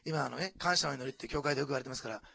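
A male pastor from preaching a sermon, dropping to hushed asides and then rising to loud, animated exclamations. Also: medium pitch, very fast, vocal fry, breathy edge. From Japan, Osaka.

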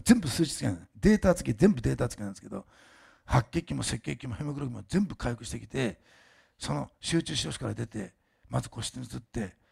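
An older man preaching a sermon and telling a testimony at a fast clip. His voice is heavily gravelly and husky. He talks with emphatic, chatty asides, breaks off and restarts, and now and then his words slur. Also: mid-range voice, a little mellow. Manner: fast-talking, admits slurring lately. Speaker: pastor.

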